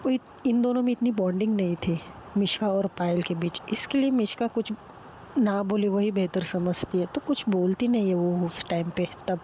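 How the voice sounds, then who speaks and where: Woman storyteller, mellow voice, chatty narration, faint background noise. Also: mid-range voice, normal speed. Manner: chatty, asides to listeners, sometimes whispered.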